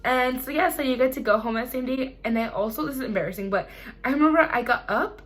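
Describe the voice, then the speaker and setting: A young adult woman vlogs casually to camera, sharing personal stories in a chatty, animated way. Her voice sits high and she talks fast.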